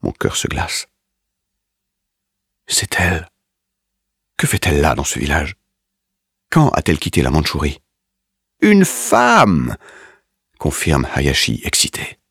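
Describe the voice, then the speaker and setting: A man narrates a dramatic story in the first person, grave and measured. His voice is extremely low and husky, recorded dry and close. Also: no room sound. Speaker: audiobook narrator.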